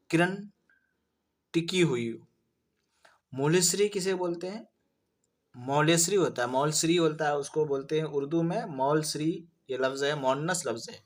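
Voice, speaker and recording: A male teacher walks students through Urdu vocabulary for an entrance exam. He keeps asking questions and then answering them himself, in a voice a little higher than most men's. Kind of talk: vocabulary lesson for exam prep.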